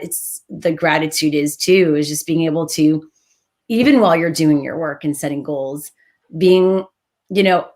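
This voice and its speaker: Low-pitched woman in reflective conversation. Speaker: talk host.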